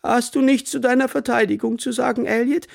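A man doing a gentle, timid headmaster. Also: on the high side, huge pitch swings, unhurried, creaky, husky, no room sound, studio quality, pitched above the performer's own voice, heavily acted. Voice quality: soft, friendly. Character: gentle, timid male headmaster, kind and soft-spoken.

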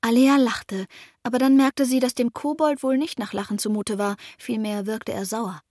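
Breathy, fairly high woman narrating a storybook. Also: fairly even intonation, moderate pace, darkish tone, no echo, studio quality. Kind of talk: scripted audiobook narration.

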